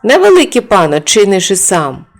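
A woman's voice: medium pitch, sing-song, normal speed. A woman voicing a strong male giant from a folk tale who tears up oaks, speaking in a matter-of-fact way.

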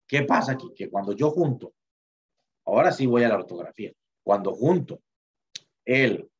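A male teacher gives a loose, chatty online lecture, filling his pauses with fillers and restarting his sentences. His voice sits at a middle pitch. The audio comes through a computer mic and sounds slightly muffled and lo-fi. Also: slightly rough.

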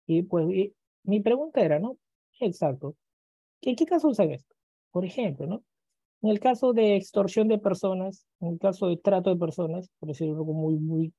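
A man's voice: high voice, gravelly, dark tone, no echo, dull audio. A male computer teacher in a screen-recorded lesson who keeps checking in with listeners and acts out students' questions, then answers them himself.

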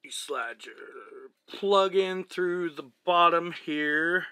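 A Texan trucker and vlogger gives a casual gear demo inside the small living cabin of his truck. His bright male voice is a little high, extremely slow, and smooth, with no echo, as he relaxes, chats, and explains step by step while handling the gear.

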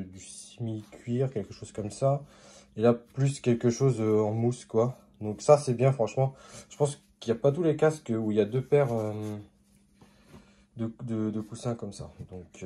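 A man's voice: on the low side, dark tone. A man hosting a casual unboxing video, talking hesitantly with many fillers and restarts, with an accent. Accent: non-native or regional French.

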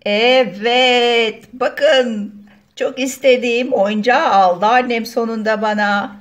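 A woman's voice: on the high side, fairly even intonation, slow. A woman hosting a toy channel, playing girl dolls at a pajama party in chatty, gossipy voices. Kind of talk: doll play role-play.

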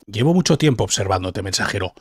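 A man's voice: fairly low pitch, expressive, fast, husky, voice pushed down. A man with a Castilian Spanish accent voicing a taunting, gloating demon villain from a video game. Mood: gloating menace.

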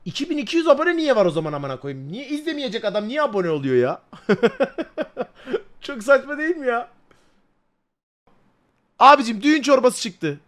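A young man, chatting loudly and crudely with his live stream viewers, joking and swearing freely. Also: extremely high pitch, very animated, normal speed, pauses often. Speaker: livestreamer.

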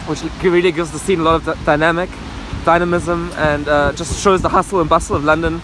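Out at night on a rainy city rooftop and street, a man in his thirties holds his camera at arm's length and vlogs about his photo setup. This photography vlogger's voice is on the high side and steady, his talk upbeat and quick, while loud wind, rain and traffic roar around him.

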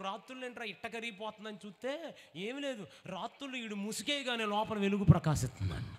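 A man preaching a lively revival sermon, calling for responses and acting out short comic dialogues. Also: sits high, long reverb tail. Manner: animated, acts out dialogues in put-on voices, calls for responses.

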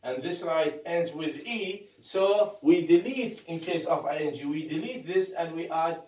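Male lecturer, slightly high voice, slow and hesitant, recorded far off in an echoey room. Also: darkish tone. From Iraq. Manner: halting, many fillers and rhetorical "what?" questions. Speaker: university grammar lecturer.

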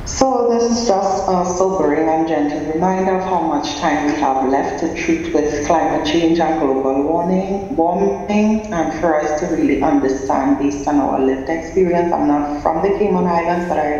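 A man from Trinidad and Tobago, giving a measured, deliberate academic conference presentation. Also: a little high, warm tone, slight background noise. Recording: echoey, dull sound in a large hall.

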